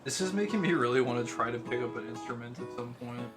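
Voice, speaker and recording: A man's voice: medium pitch, expressive, fast talker, loud music behind the voice, rough recording. A man streaming a reaction to a video, rambling casually and swearing often. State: talking with food in his mouth.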